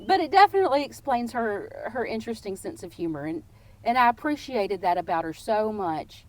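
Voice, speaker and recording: A woman from Texas, a podcast guest telling casual, playful stories in a lively way. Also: a little high, brisk, no room sound. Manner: lively, playful and warm-humored. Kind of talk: casual storytelling.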